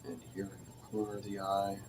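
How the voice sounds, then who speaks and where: Low-voiced man teaching drawing. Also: fast talker, recorded from a distance, background noise. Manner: relaxed, thinking aloud while drawing, frequent throat clearing. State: losing his voice. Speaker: art teacher. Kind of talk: drawing tutorial narration.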